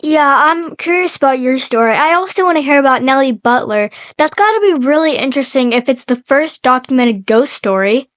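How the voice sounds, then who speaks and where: A woman's voice: sits high, lively intonation, fairly quick, few pauses, fairly bright tone, dry recording, clean studio sound. A young woman co-hosting a casual podcast, chiming in with eager, skeptical reactions. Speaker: podcast co-host.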